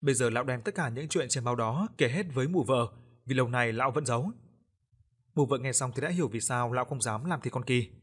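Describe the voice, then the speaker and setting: A man's voice: mid-range voice, a little fast, slightly rough. Man narrating a ghost story.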